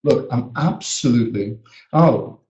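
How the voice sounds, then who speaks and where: In poor, roomy-sounding audio, a teacher educator from Brazil, a native Portuguese speaker, leads a live webinar and earnestly drills words. He speaks a little slowly, animated, at medium pitch with a darkish tone, while a small child is occasionally audible.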